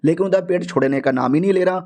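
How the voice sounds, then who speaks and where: A man's voice: high voice, rapid-fire, a little mellow. A man narrating a comic storybook recap in a jokey, teasing way with mocking asides.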